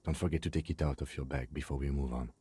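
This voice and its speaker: An actor voicing a calm, dry detective partner in a video game, speaking in a measured, deadpan way. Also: male voice, rumbling low, breathy edge, no echo, exaggerated voice.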